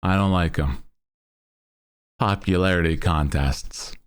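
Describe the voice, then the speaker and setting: A VTuber hosts a livestream, chatting casually with viewers in a rambling, jokey, self-deprecating way. He has a deep, smooth voice and speaks slowly.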